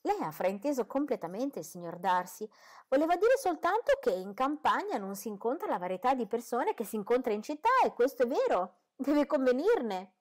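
A woman reading an audiobook, voicing a witty, lively young woman who speaks in a spirited, quick-witted way. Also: fairly high pitch, pitched above the performer's own voice.

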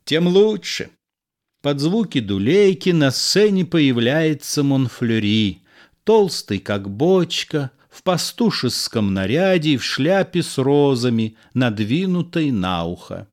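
A man reading the stage directions of a verse drama in a measured, even way. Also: medium pitch.

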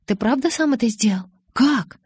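A woman reading a distracted teenage girl who is exasperated and quick to brush things off, with her voice pitched up and pushed louder than the narration. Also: animated, breathy edge, no echo.

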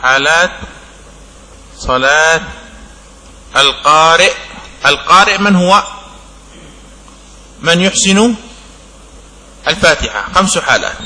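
Man, lesson teacher, bright tense voice, slow word-by-word phrasing, asks short check questions. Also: a little high, lively intonation, long reverb tail, low-quality recording. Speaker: sheikh teaching a fiqh text. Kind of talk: classroom lesson explaining a legal text.

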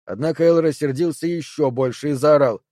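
Mellow male audiobook narrator. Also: a little high, fairly quick, no echo, clean studio sound.

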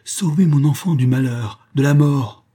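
Man doing a desperate vengeful mother, higher than his usual voice, loud and pressing, husky dark tone, audiobook reading. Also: a little fast. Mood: pleading. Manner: pleading then threatening, raises voice. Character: desperate, vengeful Irish mother, middle-aged woman.

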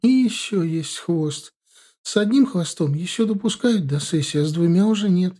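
A woman's voice: on the low side, expressive, moderate pace, mellow, husky, pitched above the performer's own voice. A man reading an audiobook, voicing an anxious young female student who pleads her case. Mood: pleading. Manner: pleading, insistent.

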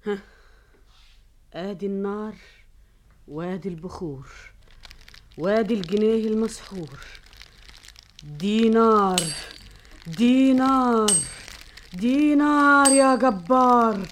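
Shrill, scheming Egyptian sorceress queen. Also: slight background noise. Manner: incantatory, imperious, excitable. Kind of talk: theatrical Egyptian radio fantasy acting.

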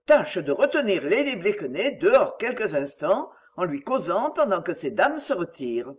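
An audiobook reader voicing a young English lord who swears and gives hurried orders. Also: medium pitch, big pitch swings, breathy edge. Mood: urgent.

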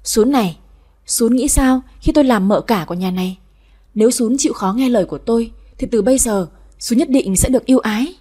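A woman's voice: on the high side, brisk, mellow, breathy edge. A woman doing a haughty scheming rival. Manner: haughty, threatening.

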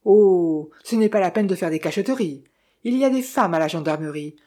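A woman's voice: lowish voice, brisk, dark tone, close to an everyday voice. A woman doing a gossipy male village innkeeper. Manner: gossipy, teasing, confiding. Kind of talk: audiobook character voice.

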